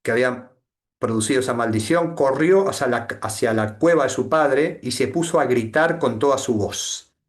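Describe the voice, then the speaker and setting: A man from Argentina with an Argentine accent, giving a reflective satsang talk with a reading, often pausing and adding tag questions. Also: medium pitch. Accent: Argentine Spanish. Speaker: spiritual teacher.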